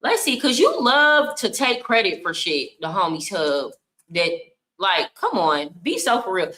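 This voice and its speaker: A woman's voice: medium pitch, big pitch swings, a little slow, bright, forceful tone, echoey room, rough recording. A young woman, streaming and commenting bluntly on clips in casual talk. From United States. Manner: blunt, scolding, talks over clips.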